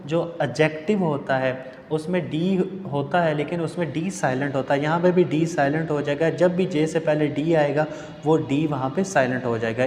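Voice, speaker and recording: A male teacher in a book-reading lesson. He reads English lines slowly, then explains the meaning of each word at length. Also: a little high, darkish tone, reverberant, big-room sound, a little hiss or hum.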